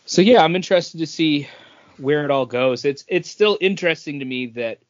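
On a podcast he co-hosts, a middle-aged man rambles through entertainment news with anecdotes in a casual chat. His voice is a little high and expressive, at normal speed. The recording is dry, dull and lo-fi.

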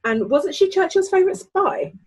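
An excitable, gushing woman co-hosting a casual podcast chat, recorded on a dull microphone. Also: extremely high pitch, moderate pace. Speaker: podcast co-host.

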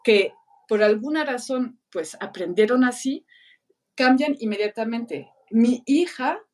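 Speaking a little high and at a measured pace, this middle-aged teacher and speaker on learning shares anecdotes in a conversational podcast. She's an animated storyteller who performs what others said in their own voices. She's picked up from a distance.

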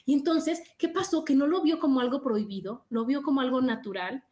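Chatty woman in her forties, co-host, high voice, roomy echo. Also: brisk. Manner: chatty, animated storyteller acting out quotes. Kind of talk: casual conversation about parenting.

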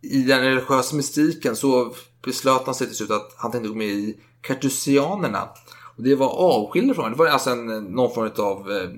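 A man's voice: mid-range voice, lively intonation. A man retelling history in casual chat, swearing freely and acting out the people in his story.

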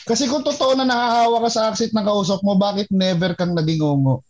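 A man's voice: high voice, quick pace, noisy background. A man, a podcast co-host, who argues and teases in casual chat. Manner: teasing, argumentative.

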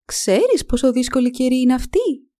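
A woman voicing a haughty mayor's wife who scolds in a loud, high voice in a storybook reading. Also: big pitch swings. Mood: indignant. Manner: shrill, scolding.

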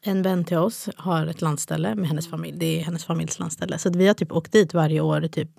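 Lower-voiced woman in easy chat. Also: fairly even intonation, vocal fry, a little mellow, dry recording. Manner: easygoing, with frequent short agreeing replies. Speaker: podcast co-host. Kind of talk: casual chat.

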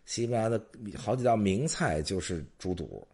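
Male podcast host, deep rough voice, chatty storyteller. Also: animated, moderate pace, dark tone. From China. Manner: chatty, tells jokes and anecdotes. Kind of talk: casual storytelling chat.

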